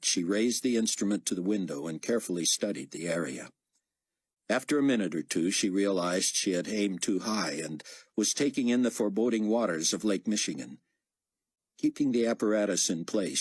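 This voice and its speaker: A male narrator reads an audiobook in a low, husky voice. His intonation rises and falls with a lot of movement, and the sound is dry and close to the mic. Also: dry recording. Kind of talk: scripted narration.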